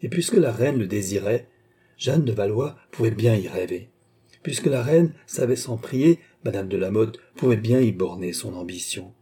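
A man reading a classic French novel aloud as an audiobook narrator, in a measured, declamatory manner. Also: lowish voice, lively intonation, dark tone, breathy edge. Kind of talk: scripted literary narration.

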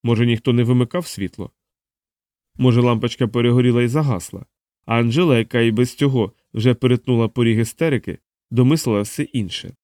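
A man narrating an audiobook in an even, measured storytelling voice. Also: mid-range voice, no echo, studio quality.

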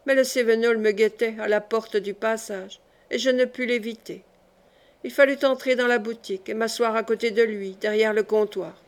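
A woman reading a classic novel aloud in the first person, in a measured and expressive way. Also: on the high side. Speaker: audiobook reader.

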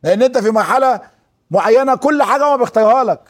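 A man's voice: very high voice, very fast. A man speaking with an Egyptian Arabic accent, giving a religious lesson to an audience and acting out quoted speech as he tells stories. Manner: animated storyteller who acts out quoted speech. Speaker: preacher.

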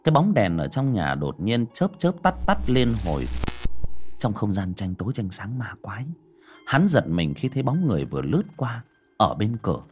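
Husky horror storyteller. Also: male voice, lowish voice, normal speed, faint music behind. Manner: dramatic, expressive reading. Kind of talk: scripted horror narration.

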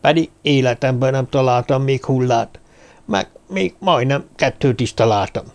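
A man's voice: medium pitch, lightly acted. A man voicing a simple, talkative shepherd who speaks in plain, matter-of-fact statements, in a storybook reading.

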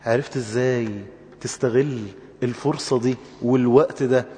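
A man preaching a sermon with an Egyptian accent, talking emphatically and rising to high exclamations. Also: fairly even intonation, normal speed, dark tone, breathy edge, in a large hall. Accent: Egyptian Arabic.

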